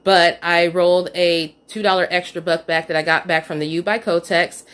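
A woman's voice: lowish voice, level tone, moderate pace, a bit bright, smooth. A woman casually walking through her store haul on a phone camera at home, chatty and a little self-scolding. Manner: chatty, self-scolding about a missed coupon. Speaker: couponing vlogger. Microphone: phone camera, off screen.

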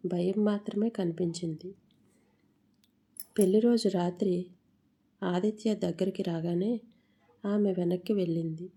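A woman narrating a moral story in a measured storytelling manner, with the odd small slip. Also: lowish voice, warm tone, slightly rough.

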